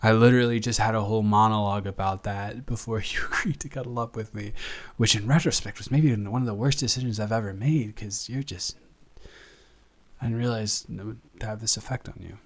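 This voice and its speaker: This young man's voice is lowish and steady as he plays a devoted, flustered roommate in an intimate improvised audio roleplay. He sounds tender yet nervous, and his speech is halting, rambling, teasing and fond.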